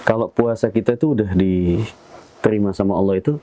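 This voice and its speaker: A man's voice: lowish voice, steady tone, moderate pace, dark tone. A man hosting a podcast, playful and chatty, asking questions and affirming his guest. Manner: playful, affirming, laughs often. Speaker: podcast host. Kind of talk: casual chat. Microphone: podcast microphone.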